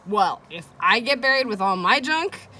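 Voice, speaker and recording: A woman teacher reads a children's chapter book aloud in an expressive, medium-pitched voice, bright and forceful, at a moderate pace. She encourages her listeners with casual asides and questions. Kids playing nearby make the recording noisy.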